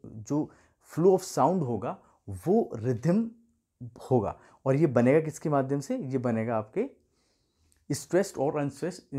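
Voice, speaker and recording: A man teaching literature in a video lesson, patiently explaining and repeating key terms with slow emphasis. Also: fairly high pitch, warm tone, slightly rough.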